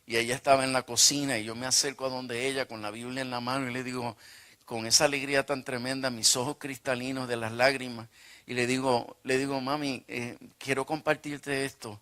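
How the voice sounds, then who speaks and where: Male preacher, animated storyteller in a sermon, bright and forceful voice. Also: medium pitch, fairly quick, smooth. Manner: animated, acts out dialogue. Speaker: pastor.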